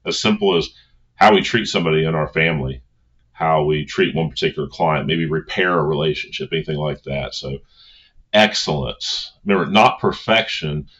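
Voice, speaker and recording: Male coach, low and forceful, earnest and conversational motivational delivery, slightly lo-fi. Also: normal speed. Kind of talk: informal motivational talk.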